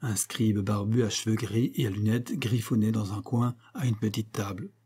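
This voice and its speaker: A man narrating a detective story as an audiobook reader, measured and even. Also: lowish voice, breathy edge.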